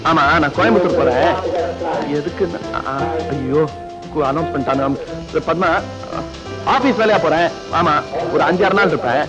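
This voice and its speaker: A man's voice: on the high side, normal speed, pauses often, highs cut off, loud music behind the voice, close to an everyday voice. An actor playing a charming young man who coaxes and pleads, in a 1970s film scene. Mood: hurried. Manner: coaxing, pleading. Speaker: young businessman.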